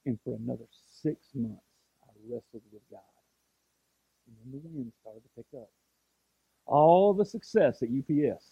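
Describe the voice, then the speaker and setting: A man's voice: mid-range voice, moderate pace, gravelly, pauses often, mellow, husky, no echo, muffled recording. Man, 40s, pastor; storytelling sermon, repeats himself, dry close recording. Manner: storytelling, repeats words, builds to impassioned.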